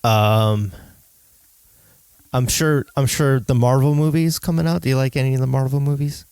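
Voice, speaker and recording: A man's voice: mid-range voice, steady tone, normal speed, a little mellow, clean tone, no echo. A man with a nasal voice, hosting a podcast in casual, chatty talk. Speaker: podcast host.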